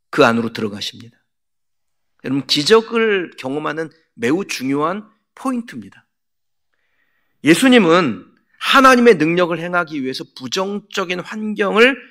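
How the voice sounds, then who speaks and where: A man's voice: high voice, pushed and bright. A male pastor preaching a sermon in a church, asking the congregation questions and acting out quotes. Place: church sanctuary.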